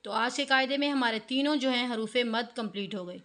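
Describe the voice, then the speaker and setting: A woman's voice: on the high side, brisk, a bit bright. A woman giving an online tajweed lesson, patiently explaining pronunciation step by step and drawing out each syllable as she recites. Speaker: online Quran teacher.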